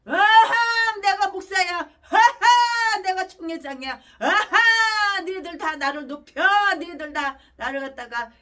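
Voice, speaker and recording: A woman's voice: extremely high pitch, animated, takes it slowly, few pauses, sharp tone, distant mic, pitched above the performer's own voice, heavily acted. A woman voicing a greedy, boastful pastor who craves money and honors, in a mocking, crowing tone. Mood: gloating mockery.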